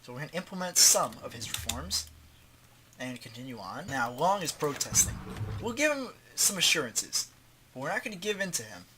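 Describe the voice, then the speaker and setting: Very animated and fairly high-pitched, this man talks at normal speed against background noise. He's a gaming tutorial host with a blocked nose and a mildly sore throat, casually clicking through menus as he runs through a strategy game tutorial in slangy, offhand language.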